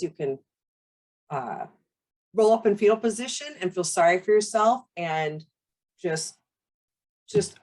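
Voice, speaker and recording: A woman's voice: on the low side, a little mellow. A woman in her fifties hosting an interview, responding to her guest in an empathetic, reflective and encouraging way. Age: 50s. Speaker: host. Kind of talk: interview talk.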